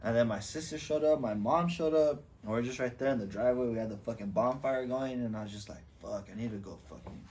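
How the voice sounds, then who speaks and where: A young man co-hosting a podcast, telling a profane, animated party story full of quoted voices. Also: mid-range voice, fast talker, few pauses, recorded from a distance. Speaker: podcast co-host. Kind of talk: casual storytelling among friends.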